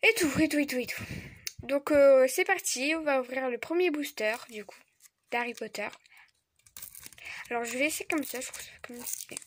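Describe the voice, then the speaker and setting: A young woman chatting casually as she opens trading card packs, stammering and gushing like an excited fan. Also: high voice, moderate pace, pauses often, a little hiss or hum. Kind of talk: casual unboxing vlog chat.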